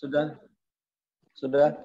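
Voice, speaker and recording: A man's voice: fairly high pitch, completely flat delivery, slow. A man presenting as a company's general manager over a video call, his voice choppy and breaking up on a bad internet connection, losing his thread as it cuts out. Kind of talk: business presentation on an online meeting. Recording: dull, lo-fi video call audio with dropouts.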